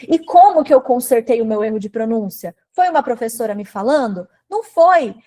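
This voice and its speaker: A woman from Brazil teaching English in a live online class, chatty and animated, speaking straight to her viewers. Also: on the high side, brisk. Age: adult with a daughter.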